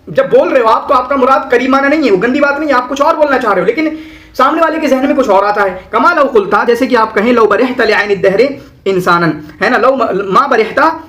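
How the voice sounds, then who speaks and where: A man's voice: high voice, fairly bright tone, echoey room. A man teaching a lesson, reading Arabic lines and then explaining them in a conversational way with everyday examples, often adding "है ना". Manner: repeats "है ना" often. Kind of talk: lecture explaining Arabic literary terms.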